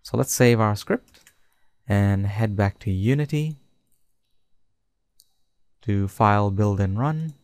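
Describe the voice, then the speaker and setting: A man narrating a screen-recorded coding tutorial, dictating code slowly and step by step. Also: fairly low pitch, darkish tone, clean tone, dry recording. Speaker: tutorial host.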